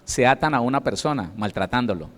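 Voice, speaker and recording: A Colombian pastor preaches in a church hall with a Colombian Spanish accent, delivering his sermon emphatically and acting out quotes. His medium-pitched voice is expressive, fairly quick, and a bit bright. Long hall reverb colors the recording.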